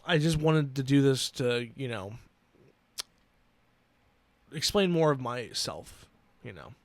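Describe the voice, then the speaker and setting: A man in his twenties hosting a solo podcast, earnest and emotional, talking haltingly with many restarts. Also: medium pitch, lively intonation, dry recording. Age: 20s. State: emotional, near tears. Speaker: podcast host. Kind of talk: personal solo podcast talk.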